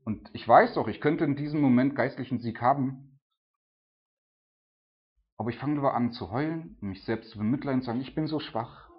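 Male preacher, husky and casual, loose chatty delivery, muffled lo-fi recording. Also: medium pitch, a little fast, long pauses. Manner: chatty, peppered with tag questions and filler. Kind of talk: casual conversational sermon. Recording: dull lo-fi recording.

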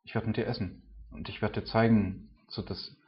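A low-pitched man gives a relaxed, chatty sermon, peppering his talk with little tag words. The recording is muffled and lo-fi, with dulled highs. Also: normal speed. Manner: casual, filler-heavy, with frequent "ne" and "so". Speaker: preacher. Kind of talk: informal sermon. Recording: dull lo-fi sound.

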